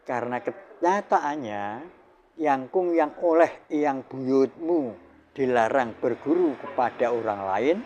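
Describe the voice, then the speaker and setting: An older man giving a spiritual sermon in a measured, solemn way, pausing between short phrases. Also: medium pitch, expressive, darkish tone, dull audio. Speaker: spiritual teacher.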